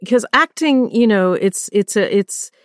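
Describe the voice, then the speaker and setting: A woman's voice: medium pitch, lively intonation, a little slow, smooth, no echo, clean studio sound. A woman interviewer asking curious, probing questions about a guest's childhood and work.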